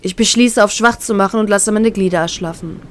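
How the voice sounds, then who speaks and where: A woman narrating a first-person fan-fiction story in a calm, even storytelling way. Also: mid-range voice, fairly quick. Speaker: reader, narrator.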